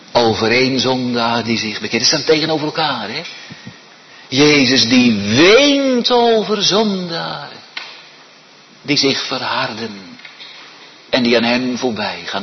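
A man preaching a sermon, swinging from loud, high appeals to hushed, almost whispered pleading. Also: lo-fi sound, a little hiss or hum. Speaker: pastor.

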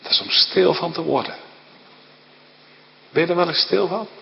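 A man's voice: on the high side, normal speed, gravelly, big-room sound, dull audio. A man pastor giving an earnest, emphatic sermon.

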